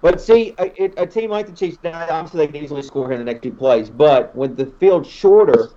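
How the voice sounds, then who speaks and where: A man's voice: fairly high pitch, expressive, fairly quick, mellow. A married man co-hosting a live sports stream, giving rambling, opinionated takes on the game. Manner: rambling, opinionated, restarts often. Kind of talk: casual sports chat. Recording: dull lo-fi audio.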